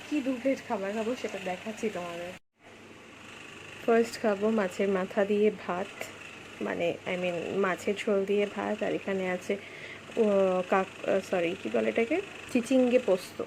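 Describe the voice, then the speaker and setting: A young woman, chatting casually through her daily vlog and mixing in English words. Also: mid-range voice. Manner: speaks softly while her daughter sleeps. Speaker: vlogger. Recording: faint background noise.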